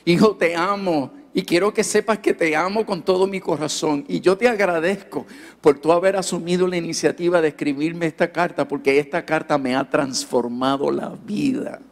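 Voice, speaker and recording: A grave, remorseful father, voiced by a preaching man who drops his voice lower than his own. He speaks slowly and tenderly, with a long hall echo trailing each phrase. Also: close to an everyday voice. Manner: slow, grave and tender, repeatedly calling out "son". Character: remorseful aging father apologizing to his son.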